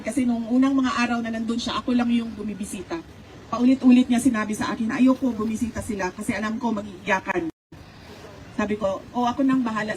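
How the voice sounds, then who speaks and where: A woman's voice: on the high side, a little hiss or hum, poor audio. A middle-aged woman with a Filipino accent, telling family stories in a conversational way, switching between Tagalog and English and laughing often. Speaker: speaker recounting family stories. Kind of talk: conversational storytelling.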